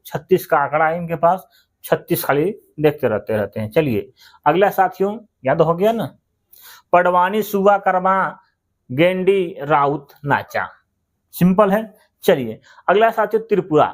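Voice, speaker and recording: A man's voice: sits high, unhurried. A man teaching memory tricks for a general-knowledge exam, chatty, asking questions and answering them himself. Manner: chatty, repeats words, asks and answers himself. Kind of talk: mnemonic exam-prep lesson.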